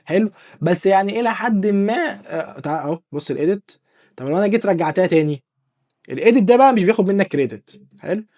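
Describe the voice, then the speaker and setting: A man with an Egyptian Arabic accent hosting a casual, joking software tutorial and talking straight to the viewer. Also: sits high, expressive, very fast. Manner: chatty, joking, addresses viewer as dear artist. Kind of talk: casual screen-recorded tutorial.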